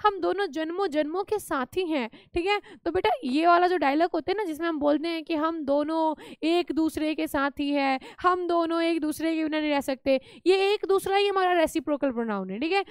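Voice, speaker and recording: High-voiced Indian woman teaching grammar. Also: dry recording, clean studio sound. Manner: mixes Hindi and English, asks and answers her own questions; speaks English example sentences slowly. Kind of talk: grammar lesson for school students.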